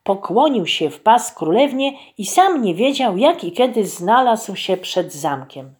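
A woman narrates a fairy tale for children, taking her time over every phrase. Her pitch rises and falls widely, giving the telling a lively, sing-song shape. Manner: expressive, unhurried, addressing children. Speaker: storyteller.

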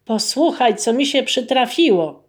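Storybook peasant, scared and complaining, voice pushed higher; a woman reads him. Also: lively intonation, a little slow. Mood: lamenting. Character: frightened, rash village peasant man, middle-aged.

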